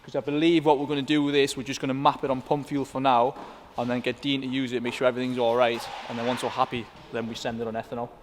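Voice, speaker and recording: A man's voice: mid-range voice, level tone, quick pace, few pauses. Man vlogging in an echoey workshop. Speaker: workshop vlog host. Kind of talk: casual walk-around vlog, interviewing mechanics. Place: inside a car workshop. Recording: echoey workshop hall with faint background noise.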